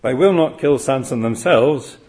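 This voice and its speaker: A man's voice: mid-range voice, measured pace, a little mellow. Male preacher, earnest expository sermon, rhetorical questions, mid-range voice.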